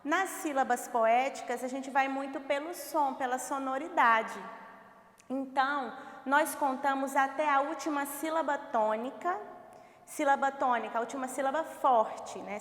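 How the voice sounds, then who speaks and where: High-voiced woman teaching in an echoey room. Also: normal speed, fairly bright tone. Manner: explanatory, repeats and rephrases, counts syllables aloud. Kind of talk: recorded online class lecture. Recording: echoey room with long reverb.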